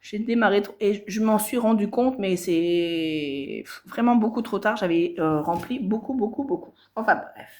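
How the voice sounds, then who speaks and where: A woman's voice: mid-range voice, normal speed, a little mellow. A woman chatting casually to her viewers about her stitching projects, with many hesitations and self-corrections. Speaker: cross-stitch vlogger. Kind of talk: casual show-and-tell chat.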